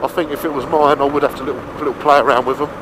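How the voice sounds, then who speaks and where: A man's voice: a little high, level tone. A man giving casual, colloquial review commentary from inside a helmet while riding a motorbike. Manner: colloquial, unhurried thinking aloud. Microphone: mic inside or on the helmet. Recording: muffled helmet mic, clear wind and engine noise.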